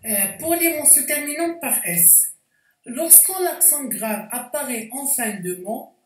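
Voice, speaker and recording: A woman teaching a spelling lesson, explaining slowly and carefully with frequent hesitations. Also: sits high, expressive. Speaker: French teacher. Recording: echoey room, voice distant from mic.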